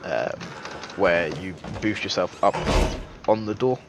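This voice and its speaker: A man's voice: sits low, takes it slowly, noisy background. A man giving casual, joking gameplay commentary as a streamer, chatty and self-deprecating with lots of fillers. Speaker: game streamer.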